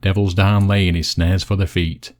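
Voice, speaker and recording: A man's voice: low-pitched, level tone, moderate pace, darkish tone. A man with a West Yorkshire accent presenting and reciting dialect poetry.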